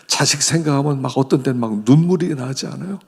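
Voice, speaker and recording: A middle-aged man preaching a sermon as a pastor, with sudden leaps from loud exclamations down to hushed whispers. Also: medium pitch, fast talker, creaky, husky. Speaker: senior pastor. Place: church sanctuary. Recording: long church hall reverb.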